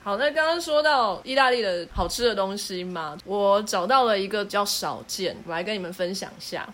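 A woman's voice: mid-range voice, a little fast, a bit bright. A woman hosting a casual podcast, explaining foods in a playful, teasing way. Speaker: podcast host.

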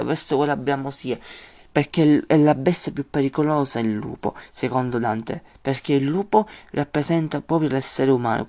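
A man's voice: a little high, darkish tone. A man teaching a lesson on a classic poem, explaining at length and often stopping to restart his words. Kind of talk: informal lesson.

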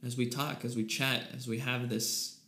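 A man's voice: mid-range voice, flat delivery, moderate pace, pushed and bright. A man co-hosting a casual religious chat podcast, playful and rambling, often laughing. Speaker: podcast co-host. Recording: echoey room.

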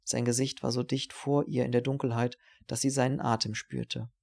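A man reading a novel aloud as an audiobook narrator, in a measured, even storytelling voice. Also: medium pitch, gravelly.

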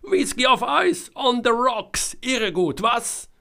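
A man voicing a loud, boisterous male boss who roars, jokes and teases. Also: medium pitch, sing-song, takes it slowly, heavily acted. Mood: roaring teasing. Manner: roaring, laughing, teasing.

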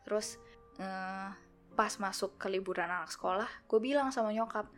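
A woman's voice: medium pitch, normal speed, faint music behind. Young woman telling a ghost story. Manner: animated, acts out quoted voices. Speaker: guest storyteller.

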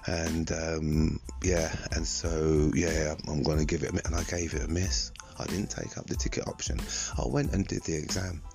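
An older man, telling personal memories in a reflective, halting way and repeating phrases for emphasis. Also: extremely low pitch, level tone, vocal fry, over music. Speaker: podcast host. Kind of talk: personal storytelling monologue.

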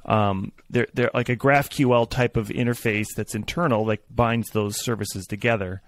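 A man's voice: mid-range voice, fairly even intonation, normal speed, no echo. A man in casual tech discussion, rambling with fillers and restarts and a dry sarcastic streak.

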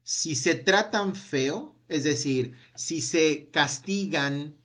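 A man leading a self-help workshop, asking a long run of gentle reflective questions that trail off with a quiet "no?". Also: on the high side, drawn-out words. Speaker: workshop speaker.

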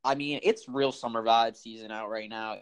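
A young man chatting casually with a friend, dropping dry, deadpan jokes. His voice sits at a middle pitch, and he speaks in a loose, offhand way. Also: normal speed, smooth. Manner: dry, joking, deadpan asides. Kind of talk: casual chat.

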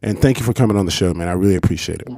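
A man's voice: sits low, racing, vocal fry, dark tone, no echo, studio quality. A man in his forties hosting a podcast in casual chat, laid-back and profane, often repeating words. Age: 40s. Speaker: podcast host.

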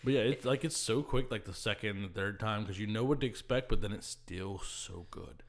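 A man co-hosting a casual podcast, teasing his partner with short jokes and giggling often. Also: fairly low pitch. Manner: teasing, giggly, quick one-line interjections. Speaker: podcast co-host. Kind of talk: casual chat.

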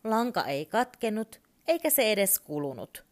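A woman calmly and expressively reading a children's story aloud. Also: medium pitch.

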